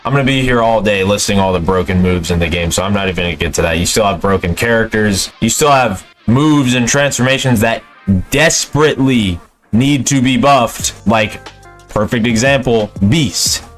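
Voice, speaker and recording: A man's voice: on the low side, normal speed. A young man in an unscripted, exasperated, profanity-laced rant about a video game, speaking as a gaming commentator. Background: music.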